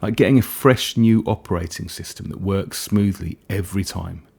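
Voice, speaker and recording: This hypnosis guide is a man whose voice sits low. He speaks softly and soothingly with a breathy quality, never rushing and letting gentle pauses fall between his phrases.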